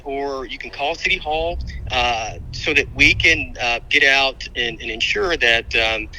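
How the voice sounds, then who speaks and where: Male city official heard through a phone held up to a mic; sharp, tense tone, halting, stumbling delivery. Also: mid-range voice, rough recording. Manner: halting, many ums and restarts. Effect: voice on a speakerphone held up to a studio microphone. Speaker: city manager. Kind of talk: public safety update by phone.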